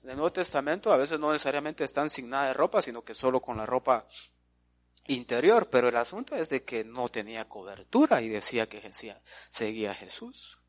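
A man's voice: mid-range voice, animated, brisk. A male preacher, delivering an emphatic sermon and often addressing his listeners as brother.

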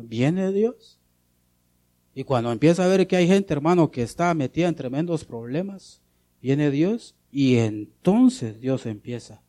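A man with a mid-range voice preaches a sermon as a pastor. He shifts between loud and soft, asks rhetorical questions, and calls his listeners brother.

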